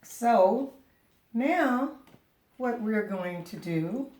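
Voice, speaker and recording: A patient, encouraging preschool teacher leads a children's lesson step by step, asking the listener questions and answering them. Her voice is fairly high with a darkish tone, animated, and she draws out her words.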